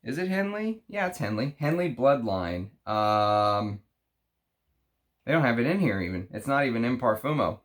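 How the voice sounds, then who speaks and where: A man with a Texas accent chatting unscripted through an unboxing, halting and thinking aloud as he reads out names. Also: mid-range voice, big pitch swings. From Texas, United States. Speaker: fragrance review show host. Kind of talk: unscripted unboxing chat, reading out names and notes.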